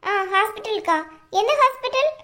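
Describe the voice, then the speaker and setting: Woman voicing a soft, tearful cartoon young wife. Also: extremely high pitch, animated, normal speed, full character voice. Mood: pleading. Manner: soft, pleading, polite. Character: gentle, tearful young wife who puts others first. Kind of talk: cartoon voice acting.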